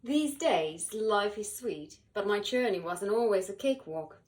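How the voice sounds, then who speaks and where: A volunteer children's book reader, a woman with a medium-pitched voice, reads a picture book aloud. She's animated and expressive, leaning on dramatic pauses and emphasis.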